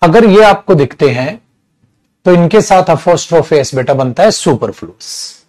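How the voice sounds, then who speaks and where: A man's voice: a little high, expressive, a little mellow. A middle-aged man teaching English grammar in a casual, teasing lecture style, calling students "beta". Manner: slow, chatty, teasing, calls students beta.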